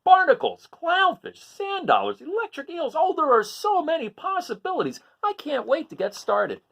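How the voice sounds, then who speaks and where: A man acts out an eager little storybook hermit crab who adores his friends. The voice sits high and swings up and down with expressive, heartfelt feeling. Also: normal speed, vocal fry, lo-fi sound, heavily acted. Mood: excited. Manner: expressive, wistful to excited storybook delivery.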